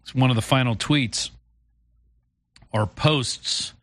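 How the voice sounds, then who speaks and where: An American man hosts a call-in radio show in an informal, conversational style. His pitch is average for a man, and he talks reflectively. The sound is dry, with no room echo. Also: slow pace, a bit bright. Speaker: talk show host.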